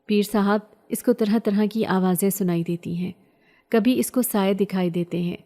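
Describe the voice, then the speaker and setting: A worried middle-aged mother, read by a woman narrator, speaking in an anxious, pleading way. The voice is soft and warm, a horror storybook parent. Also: medium pitch, close to an everyday voice.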